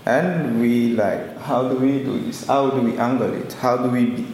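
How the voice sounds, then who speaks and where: A man's voice: medium pitch, steady tone, moderate pace, darkish tone. Man from Congo in an echoey room. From Democratic Republic of Congo. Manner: earnest, searching, restarts phrases. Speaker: curator. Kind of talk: introductory talk at a public event. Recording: very echoey room with light noise.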